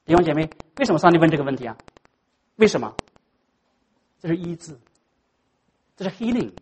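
A pastor preaching a sermon in a dramatic way, swinging between hushed and loud and dropping English words into the speech. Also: mid-range voice, animated, a little fast, husky, low-quality recording.

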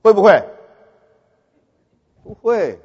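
A man preaching a sermon through lively storytelling, often putting questions to his audience. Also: sits high, slow, breathy edge. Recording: echoey hall, dull lo-fi sound.

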